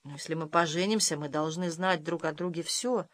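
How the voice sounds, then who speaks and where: A reader voicing a gentle, worried young man questioning his fiancée in a storybook. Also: mid-range voice, a little fast, natural voice.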